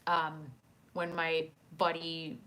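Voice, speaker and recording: A woman casually chatting on a live stream, reading out chat messages, laughing often and filling pauses with "um" and "uh", speaking into a desk microphone. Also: low-pitched, monotone, bright, forceful tone. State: hiccuping.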